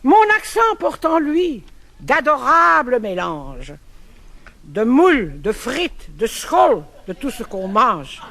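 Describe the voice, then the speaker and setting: A man's voice: very high voice, huge pitch swings, takes it slowly, creaky, bright, forceful tone. A man with a Brussels accent performing a comic sketch, proudly declaiming verse about his accent.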